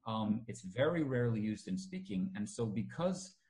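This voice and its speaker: In a casual conversation, a language teacher whose first language is English speaks with a fairly low, warm voice, sounding animated at a normal speed. He hesitates often, filling gaps and restarting his sentences.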